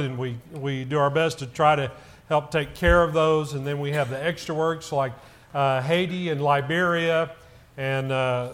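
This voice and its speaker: A middle-aged church elder gives an announcement to the congregation in a fairly high, loud voice. He speaks haltingly, often filling gaps with "uh" and restarting sentences.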